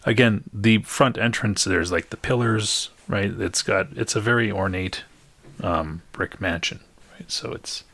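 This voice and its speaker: Man, game master, low voice, patient explanations, lots of pauses and fillers. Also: creaky, fairly bright tone. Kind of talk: narrating a tabletop game.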